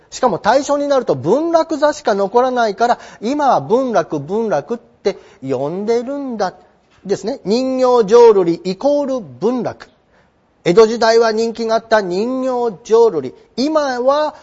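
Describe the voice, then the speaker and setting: A man with a very high voice gives a textbook lesson, his pitch leaping all over as he poses questions and answers them himself. The sound is dull and lo-fi. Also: a little mellow. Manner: acts out quick imagined exchanges with questions and answers. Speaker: teacher. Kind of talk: textbook lecture.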